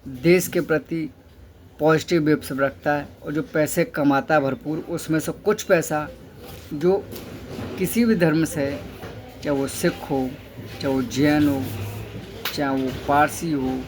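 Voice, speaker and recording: A man's voice: on the high side, fairly even intonation, unhurried, long pauses, noisy background. A man giving a motivational talk, instructing listeners step by step, asking questions and answering them himself, and repeating key phrases for emphasis. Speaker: motivational speaker.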